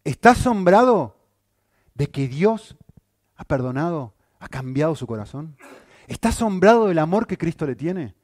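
A male pastor preaching a sermon, animated, with rhetorical questions and frequent checks on his listeners. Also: a little high, moderate pace, no echo, clean studio sound.

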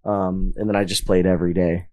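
Young man, low voice, dry sound; rambling, casual, full of fillers. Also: flat delivery, fairly quick, warm tone, no echo. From Las Vegas, USA. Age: young adult. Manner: rambling, filler-heavy, lots of "like". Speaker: guest musician. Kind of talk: casual interview storytelling.

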